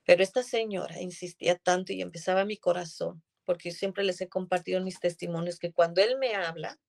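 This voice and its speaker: A woman's voice: on the low side, brisk, creaky, darkish tone. A woman giving an earnest, emotional religious testimony as a guest in conversation.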